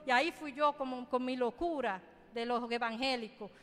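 A woman's voice: a little high, moderate pace, a bit bright, in a large hall. A woman giving a fervent testimony in church, preaching to the congregation and repeating phrases for emphasis. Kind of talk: sermon testimony.

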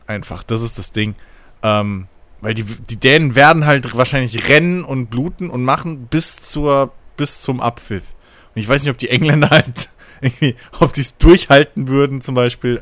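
A man's voice: mid-range voice, a bit bright, dry recording. A man chatting casually about football as a podcast co-host, hesitant, with many fillers and restarts.

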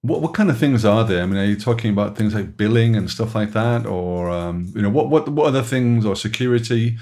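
A man co-hosting a podcast in a relaxed, chatty way. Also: fairly low pitch, a little fast. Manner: relaxed, chatty, laughs often. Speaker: podcast co-host. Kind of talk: casual podcast conversation.

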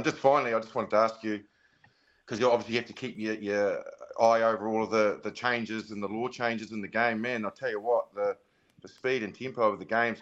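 A man's voice: fairly low pitch, fairly bright tone, dull audio. A man hosting a casual sports chat in a blokey, matey, colloquial way. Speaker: sports show host.

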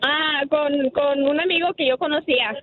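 A woman's voice: sits high, fairly even intonation, a crowd in the background. Woman, caller, hesitant, phone-line sound. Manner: hesitant, halting confessional talk. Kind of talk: phone-in chat.

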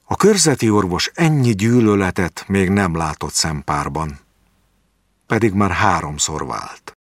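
A man narrating a literary short story in a measured, expressive way. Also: sits low, no room sound, studio quality.

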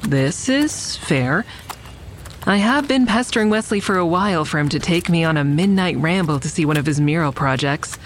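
With a deep voice and lively intonation, a woman voices a wary shooting survivor at a moderate pace, narrating a nighttime adventure in first person for an audio drama. Her tone is introspective, wary and reflective, and the recording has slight hiss or hum.

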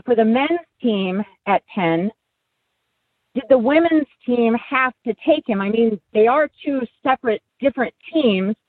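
Polite woman caller on a tinny phone line. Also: on the high side. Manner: polite, inquisitive, thinking aloud. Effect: phone line call-in audio. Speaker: radio call-in caller. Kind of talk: call-in question to a talk show host.

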